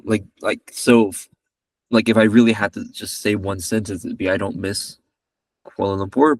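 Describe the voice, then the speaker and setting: A man's voice: fairly low pitch, no room sound, recorded from a distance. A man in his twenties from Malaysia, a podcast guest chatting casually in a rambling, joking way that keeps correcting itself. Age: 20s. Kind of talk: casual chat.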